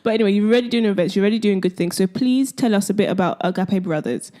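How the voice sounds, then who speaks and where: A woman in her twenties co-hosting a podcast, bubbly and quick to laugh. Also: medium pitch, warm tone. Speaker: podcast co-host. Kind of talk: casual chat.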